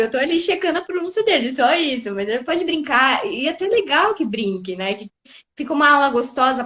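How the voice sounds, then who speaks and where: A woman from Brazil hosts an easygoing chat as an English teacher, talking in a lively, chatty way. Her voice sits a little high. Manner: chatty and lively, frequent "sabe?". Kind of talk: casual conversation.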